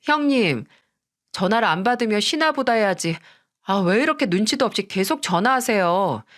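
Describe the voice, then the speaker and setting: A woman's voice: mid-range voice, expressive, moderate pace, a bit bright, natural voice. A woman voicing a rude, lazy younger sister-in-law in a dismissive, whiny tone, in a radio-style story reading.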